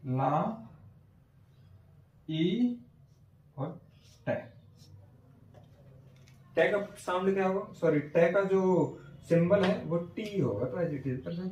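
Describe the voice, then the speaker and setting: A male teacher giving a classroom lesson on phonetic transcription, slowly sounding out words and often checking whether students follow. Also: high-pitched, darkish tone, a little hiss or hum. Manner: slow, repeats sounds and checks understanding often. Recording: echoey room from far off.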